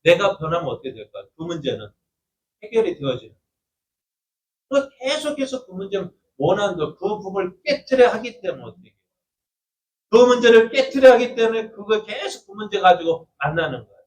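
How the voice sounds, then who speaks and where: A man's voice: sits high, very animated, brisk. A male pastor giving a Sunday afternoon sermon, often asking the congregation questions and answering them himself. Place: church sanctuary. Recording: distant mic with faint room noise.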